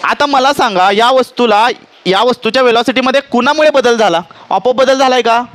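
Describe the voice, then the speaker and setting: A man with a fairly high voice leads a physics lesson in a classroom. He keeps asking the students whether they understand, switches between his own language and English terms, and teases them in a playful way. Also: brisk, fairly bright tone, a little hiss or hum. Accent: Marathi. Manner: questioning, checks understanding often; mixes English terms into Marathi. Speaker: teacher.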